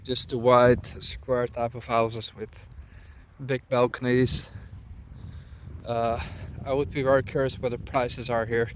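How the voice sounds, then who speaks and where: A young man vlogging while walking outdoors through a small town, musing aloud in a relaxed, casual way. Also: medium pitch, slow pace, slight background noise. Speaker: travel vlogger. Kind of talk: casual walking vlog narration.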